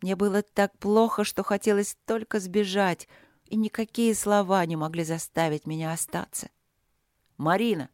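A woman's voice: mid-range voice, fairly even intonation, moderate pace, darkish tone, no echo, studio quality. A woman narrating a novel in the first person, reading with feeling. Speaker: audiobook reader.

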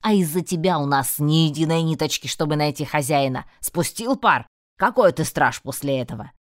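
A woman puts on a self-satisfied male magister for an audiobook. He sounds very deep and mocks everyone with easy confidence. The sound is close and dry. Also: animated, normal speed, dry recording. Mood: mocking. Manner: teasing, confident, sharp. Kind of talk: audiobook character voicing.

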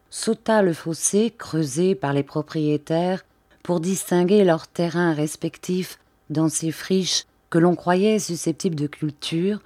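A woman reads a classic novel aloud in a measured, expressive way. Her voice is low and mellow, and the close recording sounds dry with no room around it. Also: dry recording. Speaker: audiobook reader. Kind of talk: literary audiobook narration.

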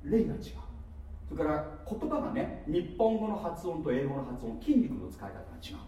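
A man preaching a sermon, playful and animated, with asides and laughter, recorded from a distance in a church hall. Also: a little high, brisk. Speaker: pastor. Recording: echoey hall from far off with faint noise.

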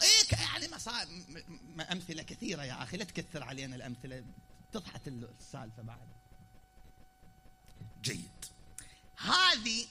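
Bright-voiced Iraqi male preacher. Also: sits high. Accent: Iraqi Arabic. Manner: explanatory, swings from quiet asides to loud declaiming. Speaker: preacher at a mourning gathering. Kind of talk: sermon. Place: pulpit in a hall.

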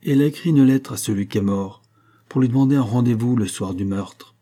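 A man's voice: mid-range voice, a little fast, mellow, lightly acted. A man voicing a sly, servile village simpleton who murmurs insinuating questions.

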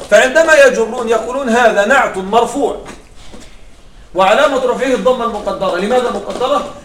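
A man's voice: extremely high pitch, slight background noise. A man teaching Arabic grammar to a class. He explains step by step and keeps asking the students whether they follow. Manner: explains step by step, often asks the class to confirm. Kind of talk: classroom lecture. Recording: echoey room, far from the mic.

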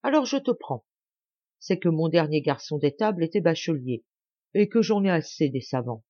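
A woman's voice: deep voice, animated, moderate pace, dark tone, no room sound, lo-fi sound. A woman voicing a kindly, pompous village mayor who talks with solemn gravity. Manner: solemn, benevolent.

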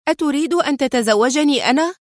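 A woman's voice: a little high, lively intonation, normal speed, no room sound, studio quality. A woman voicing a fiery young woman who exclaims in indignation in an audiobook. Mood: indignant. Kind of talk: audiobook character reading.

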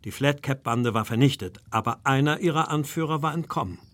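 In a German audio drama, a male actor with a mid-pitched voice plays an earnest, formal gentleman narrating his story. Deferential and anxious, he speaks in a measured radio-play style, lightly acted, with a grave tone of recounting.

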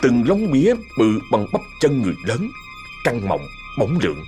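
A man's voice: mid-range voice, wildly swooping pitch, normal speed, darkish tone, soft background music. A man narrating a ghost story vividly and dramatically.

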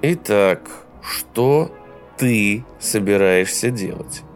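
A man reading an audiobook, voicing a cold, sarcastic young man who speaks slowly and avoids commitment. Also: fairly low pitch, expressive, soft background music.

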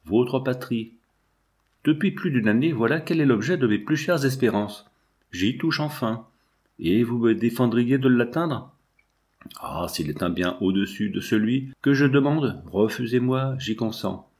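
A man's voice: medium pitch, animated, a little slow, darkish tone, lightly acted. A man reading the lines of a devoted young woman who fervently implores her parents. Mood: pleading.

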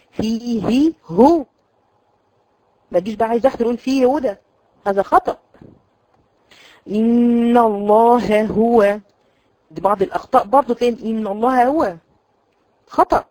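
A woman with an Egyptian Arabic accent teaching Quran recitation, explaining in a chatty way and slowly drawing out example words to demonstrate them. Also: fairly high pitch, darkish tone, no echo, poor audio. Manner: addresses students directly, frequent "khalas?" checks. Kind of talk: recorded online lesson.

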